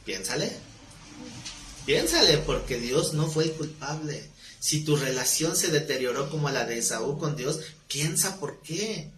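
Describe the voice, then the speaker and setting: Roomy-sounding preacher, slightly high voice. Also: male voice, lively intonation, a little slow, a bit bright, slight background noise. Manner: conversational preaching with rhetorical questions and jokes. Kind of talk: live sermon. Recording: roomy live-stream audio.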